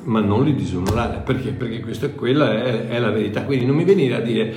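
An older man preaches in a conversational way, speaking directly to his listeners at a middle pitch. He drives points home by repeating short phrases and often restarts mid-sentence. The sound is noticeably echoey, like a reverberant room. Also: fast, darkish tone, soft background music. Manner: emphatic repetition, self-correcting, conversational. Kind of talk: informal sermon, teaching directly to listeners.

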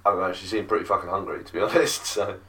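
Casting: fairly low male podcast host, rambling casual storyteller, a touch off-mic. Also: flat delivery, quick pace, sharp tone, distant mic. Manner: rambling storyteller, loses names, swears. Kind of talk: casual chat.

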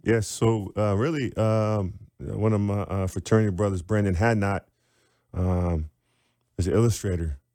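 A man's voice: on the low side, normal speed, dry recording, clean studio sound. A man, an author and reading teacher, explaining his method in an interview and sounding out syllables aloud. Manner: animated, demonstrates sounds aloud.

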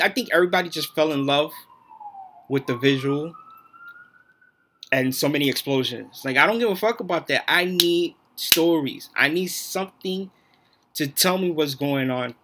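A man's voice: fairly high pitch, sharp tone, slight background noise. A man hosting his own podcast, talking alone in a blunt, profane, opinionated rant. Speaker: podcast host.

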